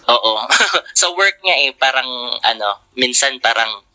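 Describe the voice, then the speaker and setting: A man's voice: medium pitch, expressive, bright, forceful tone, poor audio. A man, a nurse guest on a podcast, chatting casually with frequent fillers and laughs. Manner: laughs often, halting with many fillers.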